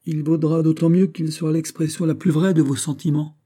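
A man voicing a calm, commanding older musketeer with a mocking, emphatic manner, in a storybook reading. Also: fairly high pitch, brisk, voice pushed up, lightly acted. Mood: correcting.

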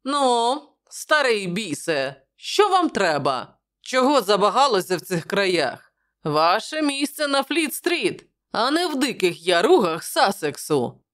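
A woman's voice: medium pitch, sing-song, unhurried, a bit bright, pitched above the performer's own voice. A woman voicing a jovial, wry male journalist who talks in a bantering way.

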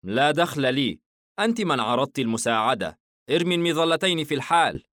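A man's voice: medium pitch, animated, fairly quick, fairly bright tone, no echo, studio quality, voice pushed up, lightly acted. A man voicing a blunt, impatient male customer in a shop, curt in his replies.

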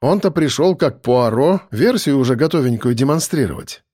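A man narrating a first-person audiobook in a wry, lively storytelling manner. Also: mid-range voice, moderate pace, dry recording, clean studio sound.

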